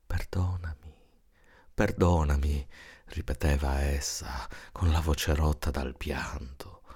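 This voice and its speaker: A man's voice: a bass voice, level tone, takes it slowly, darkish tone, slightly rough. A man reading a literary story aloud in a grave, dramatic manner, often sinking to a whisper. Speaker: audiobook reader.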